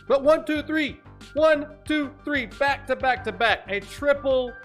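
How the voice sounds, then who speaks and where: A high-pitched man in his thirties hosts a live gaming stream with loud, jokey hype. He greets chat by name and now and then drops into a deep mock-spooky voice. Soft music plays faintly behind him. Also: a little slow. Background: faint game music.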